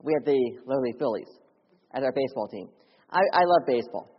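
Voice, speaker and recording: Animated and a little fast, a young man from Philadelphia preaches a sermon as a missionary, weaving in personal testimony. His somewhat husky voice moves from loud, urgent appeals to quiet lows, and the muffled recording carries a long sanctuary reverb.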